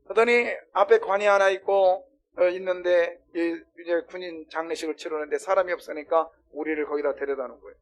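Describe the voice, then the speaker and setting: Impassioned high-voiced male pastor. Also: steady tone, brisk. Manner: impassioned, swings from loud cries to hushed low talk; asks the congregation questions and has them repeat. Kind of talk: sermon.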